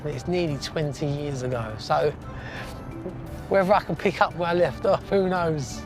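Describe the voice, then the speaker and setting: A man's voice: a little high, moderate pace. A man speaks candidly to camera, a little nervous and reflective. Background music runs under his voice. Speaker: actor. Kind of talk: reflective reality TV aside.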